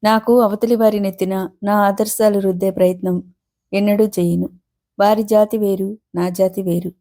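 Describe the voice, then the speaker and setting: A woman voicing a principled middle-aged male lecturer with a proud, earnest manner, read from a storybook in her own mellow voice. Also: medium pitch, fairly even intonation, normal speed, natural voice. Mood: indignant.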